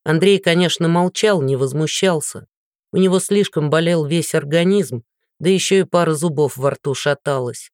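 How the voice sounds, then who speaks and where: A man reading a novel aloud in a steady, even storytelling manner. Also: a little high, normal speed, no echo, clean studio sound. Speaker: audiobook narrator. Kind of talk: scripted narration.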